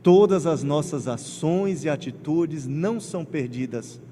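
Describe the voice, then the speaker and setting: Man, Pernambuco accent, spiritist lecture, animated storytelling, long hall echo, faint background noise. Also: a little high, measured pace. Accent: Pernambuco Portuguese. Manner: emotional, animated storytelling with acted quotes. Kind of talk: lecture to a congregation.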